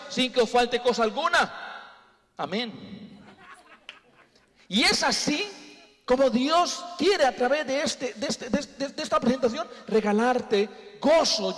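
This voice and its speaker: A man's voice: very high-pitched, fairly bright tone. A man preaching a humorous sermon, telling jokey stories and calling the congregation his brothers. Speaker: comedian preaching at church. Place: church sanctuary. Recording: long church hall reverb.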